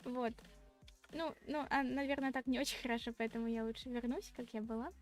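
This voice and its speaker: A woman's voice: a little high, steady tone, a little fast. A woman streamer chatting casually with viewers in a cute, girlish, slightly shy and giggly anime-streamer manner. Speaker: VTuber streamer hosting a redebut stream. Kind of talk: casual livestream chat with viewers. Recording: clear background music. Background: music.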